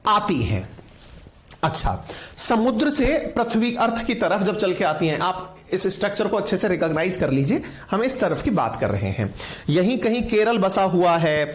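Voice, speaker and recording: A man teaching a lecture to online viewers. He talks in a lively way and keeps asking his listeners questions. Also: high voice. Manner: lively, asks viewers questions, calls them companions. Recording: roomy echo.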